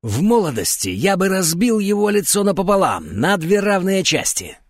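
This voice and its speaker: Male narrator doing a trembling, hoarse old man, loud and strained, raised pitch. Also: very animated, moderate pace, dry recording, studio quality, exaggerated voice. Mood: boastful. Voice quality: wheezing, hoarse. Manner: furious, shouting.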